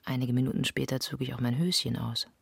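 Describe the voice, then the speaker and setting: A woman's voice: very deep voice, fairly even intonation, fast talker, creaky, breathy edge, no echo. A woman delivering a literary first-person monologue in an intimate, often half-whispered voice. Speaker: narrator.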